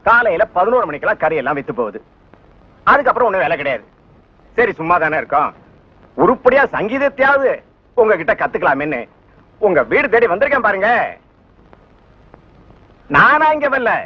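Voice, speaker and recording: A husky loud butcher. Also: male voice, high voice, big pitch swings, normal speed, long pauses, heavily acted. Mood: earnest. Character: husky middle-aged male butcher, keen music pupil. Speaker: butcher learning music. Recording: dull lo-fi film soundtrack.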